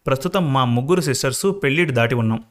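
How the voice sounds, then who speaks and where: A man's voice: mid-range voice, very fast, natural voice. A man voicing an anxious young woman waiting for a job interview, speaking nervously and pleadingly.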